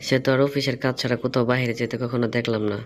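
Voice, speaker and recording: A man speaks very fast, at medium pitch with little pitch movement, in a casual phone call with faint background noise. He probes with questions and gives long explanations of himself.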